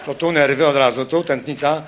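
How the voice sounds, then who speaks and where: A man's voice: on the high side, steady tone, noisy background. Man doing mocking stand-up comedy. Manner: quick punchlines, mocking, talks to the audience. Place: stage before a live audience.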